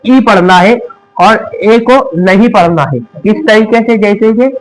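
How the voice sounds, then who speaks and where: A man's voice: high voice, slow, soft background music, low-quality recording. A young man with a Hindi accent teaching a lesson, repeating each word as a question and then answering it. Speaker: English teacher.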